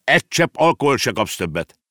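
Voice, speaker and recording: A man's voice: mid-range voice, big pitch swings, bright, forceful tone, no echo, clean studio sound, pitched above the performer's own voice. A man playing a stern, scolding father. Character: stern, exasperated middle-aged father.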